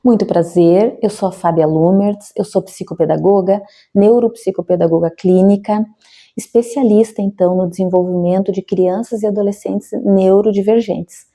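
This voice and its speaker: A woman's voice: medium pitch, fairly even intonation, normal speed, mellow, faint music behind. A Brazilian educational psychologist, a woman, explains a topic to parents in a friendly, conversational way, often checking in with tag questions.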